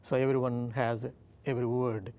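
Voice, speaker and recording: A man's voice: mid-range voice, level tone, moderate pace, mellow. Indian man hosting a chatty interview. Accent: Indian English. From Andhra Pradesh, India. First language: Telugu. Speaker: interview host. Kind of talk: casual interview.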